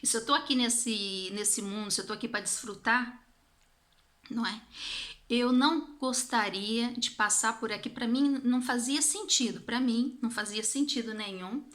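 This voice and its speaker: High-voiced Brazilian woman musing aloud. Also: normal speed, a bit bright. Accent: Brazilian Portuguese. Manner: reflective, repeats and restarts phrases. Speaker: vlogger. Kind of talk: casual motivational monologue.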